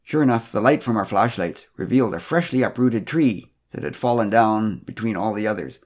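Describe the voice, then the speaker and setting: A man's voice: on the low side, lively intonation, a little fast. Wry male storyteller. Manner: gentle, wry storytelling with character voices. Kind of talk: storytelling podcast narration.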